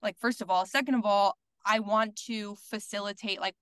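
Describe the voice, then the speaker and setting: Her medium-pitched voice stays steady at a moderate pace, fairly bright and clean, with no echo. As a content creator guesting on a podcast, this woman talks casually, candidly, and outspokenly, leaning heavily on "like" and dropping an occasional swear word.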